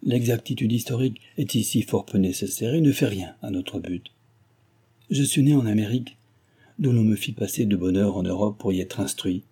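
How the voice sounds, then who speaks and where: A man's voice: lowish voice, normal speed, dark tone, husky. A man voicing a stern, brooding older man who moralizes severely, read as a character in an audiobook. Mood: grave confession. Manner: severe, reproachful declaiming.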